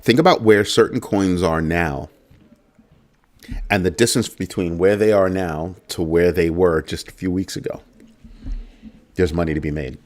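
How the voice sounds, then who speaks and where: A middle-aged American man with a very low, deep voice hosts a casual crypto livestream, talking loosely to viewers, repeating phrases, and throwing in playful asides.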